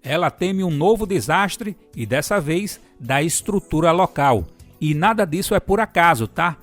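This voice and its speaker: A man's voice: fairly high pitch, expressive, measured pace, a bit bright. Male radio presenter, upbeat, friendly, talks to listener directly, faint music bed. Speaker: radio program host.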